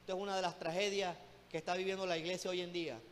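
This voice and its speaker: A man's voice: high voice, little pitch movement, rapid-fire, a little hiss or hum. A man preaching a sermon, fervent and direct, who keeps addressing his listeners as brothers and peppers his talk with rhetorical questions. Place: church hall. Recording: long hall reverb with music behind.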